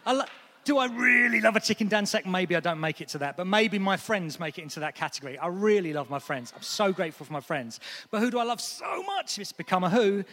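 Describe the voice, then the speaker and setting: Lively preacher in an echoing church hall. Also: male voice, high voice, quick pace. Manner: lively, conversational, with asides and light laughs. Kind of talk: sermon. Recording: long echo of a church hall.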